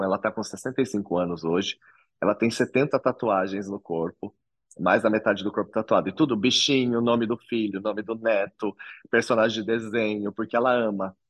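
In an interview, a male guest reflects sincerely on his life, offering personal testimony. His voice sits fairly low, and the recording has no room sound.

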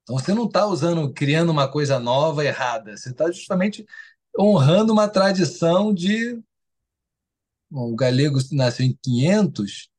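A man's voice: a little high, expressive, moderate pace, a little mellow. A man speaking as an interview guest in a casual, enthusiastic, rambling way, with many restarts and casual swearing.

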